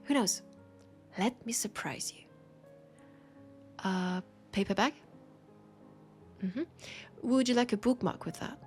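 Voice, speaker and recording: Over background music, a French-accented woman voices a flirtatious bookseller sweet on a vampire customer in a soft, intimate roleplay. Her natural mid-range voice is slow, breathy and whispery, with a fond, tender playfulness.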